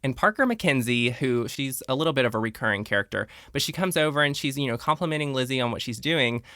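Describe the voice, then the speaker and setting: Bright, dry-voiced male podcast host. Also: mid-range voice, quick pace, no room sound. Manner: chatty, animated retelling with playful quoted lines. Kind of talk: casual podcast recap.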